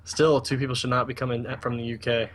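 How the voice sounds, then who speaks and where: A man's voice: medium pitch, flat delivery, fast, a bit bright, a little hiss or hum. A man chatting casually as a co-player over a voice call during a video game. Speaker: co-player and guest commentator. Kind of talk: casual gaming chat.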